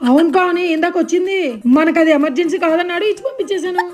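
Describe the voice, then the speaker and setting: A woman's voice: very high-pitched, fairly even intonation, rapid-fire, heavy background noise. A woman acting in a comedy skit, with a naive, playful, mock-innocent way of talking. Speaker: comedy sketch performer.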